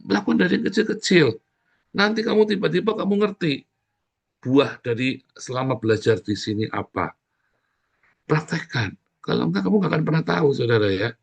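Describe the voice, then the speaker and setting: A man's voice: a little high, expressive, moderate pace, gravelly, pauses often, husky. A middle-aged man preaching a sermon as pastor, exhorting the congregation directly and repeating his key phrases over and over.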